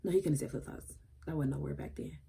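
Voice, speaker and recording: A woman's voice: low voice, quick pace, gravelly, dark tone, breathy edge. A woman in her twenties talking casually and earnestly to her vlog audience, emotional and rambling with fillers. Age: 20s. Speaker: vlogger. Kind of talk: casual vlog talk to camera.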